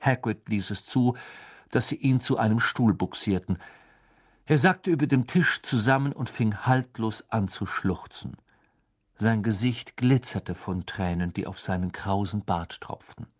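A man reading a novel aloud in calm, measured scripted narration. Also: lowish voice, breathy edge. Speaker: audiobook reader.

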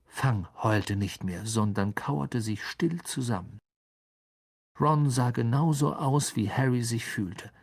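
A male audiobook narrator who reads slowly in a measured, dramatic way. His voice is husky and gravelly with audible fry. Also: medium pitch. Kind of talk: scripted narration.

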